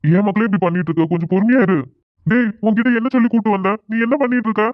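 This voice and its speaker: A man's voice: high voice, very fast, no echo, lightly acted. A man voicing a stern reproachful father, tinny. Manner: reproachful and sarcastic. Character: village father, stern and wounded. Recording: tinny phone-like sound.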